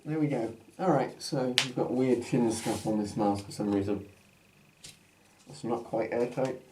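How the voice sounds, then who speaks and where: A presenter testing military gas masks talks through one at a moderate pace, his mid-range voice muffled by the mask. The demonstration is casual and unscripted, and the amateur recording is noisy, with background noise.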